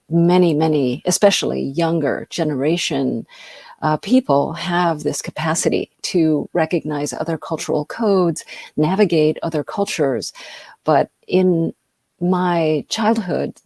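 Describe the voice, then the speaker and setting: A woman's voice: deep voice, dark tone, dry recording, clean studio sound. A middle-aged woman from the United States, giving an informal talk as an invited speaker, hesitant with many ums and uhs. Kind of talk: informal lecture over a video call.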